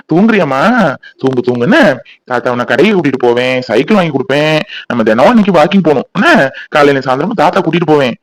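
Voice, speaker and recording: A man's voice: fairly high pitch, no echo, natural voice. A man doing a doting cartoon grandpa. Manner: gentle, lulling. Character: doting grandfather lulling a newborn.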